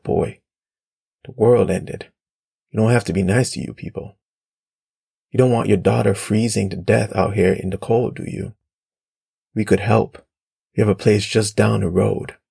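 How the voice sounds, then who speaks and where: A man reading aloud, voicing a menacing armed male scavenger who talks low and coaxing, with a gravelly, husky voice. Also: fairly even intonation, measured pace, long pauses, a little mellow, exaggerated voice. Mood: coaxing menace.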